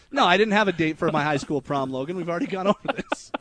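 A young adult man hosting a radio show, telling a story in an animated way that turns loud and high when he retells his anger. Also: fast talker. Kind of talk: casual storytelling on talk radio. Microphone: studio microphone.

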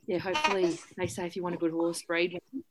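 A relaxed Australian woman in her thirties chats as a guest, her voice sitting a little low. She talks easily with plenty of fillers. There is clear noise behind her on the recording. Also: fast talker. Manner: relaxed, chatty, many fillers. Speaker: guest, horse breeder and coach. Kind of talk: casual chat. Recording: noisy background.

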